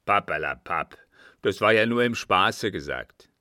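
A man reading an audiobook voices a gruff old field marshal who bursts out loudly with blunt oaths. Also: on the low side, measured pace, dry recording, studio quality. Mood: blustering. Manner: loud blunt outbursts and oaths.

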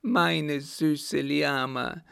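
A man voicing a shrill, raving mad baron. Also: fairly even intonation, very slow, vocal fry, a bit bright, clean tone, full character voice. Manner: shrill, wailing, anguished outbursts. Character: raving, tormented mad young baron, male.

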